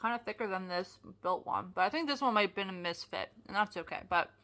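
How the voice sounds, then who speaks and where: A young woman reviewing snacks in a casual vlog, chatty and excitable, with lots of fillers and restarts. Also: medium pitch, quick pace. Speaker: product reviewer.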